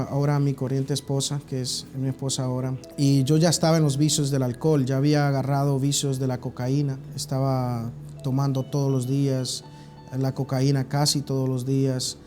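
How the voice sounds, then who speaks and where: A man from Honduras, giving an earnest personal church testimony, halting and restarting as he goes. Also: medium pitch, mellow.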